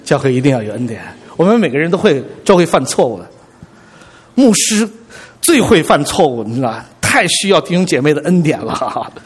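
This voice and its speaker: A man's voice: on the high side, normal speed, husky. A man preaching a sermon as pastor, telling stories animatedly and speaking straight to the congregation. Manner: animated storytelling preacher, addresses the congregation directly.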